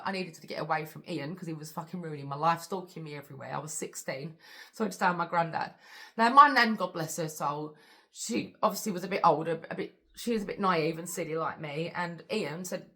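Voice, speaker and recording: A woman's voice: medium pitch, pushed and bright. A woman vlogger telling her own story to camera, blunt and candid, swearing freely.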